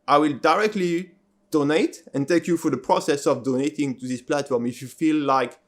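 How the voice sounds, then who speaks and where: A man's voice: a little high, moderate pace. A male host whose first language is French, earnestly explaining his point to viewers and often asking "right?". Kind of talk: video introduction and interview.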